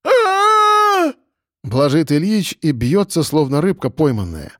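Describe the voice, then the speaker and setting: A man's voice: medium pitch, animated, normal speed, warm tone, dry recording, clean studio sound. A man giving wry, slangy first-person audiobook narration.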